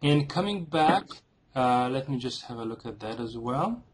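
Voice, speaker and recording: Husky man making a formal, halting complaint. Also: medium pitch, lively intonation. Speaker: customer calling an airline. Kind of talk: formal complaint on a phone call.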